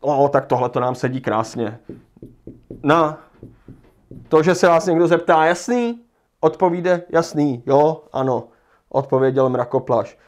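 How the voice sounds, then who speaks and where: A man's voice: mid-range voice, long pauses. A man leading a livestreamed lesson, thinking aloud as he rereads passages and works through an exam task. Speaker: Czech language teacher.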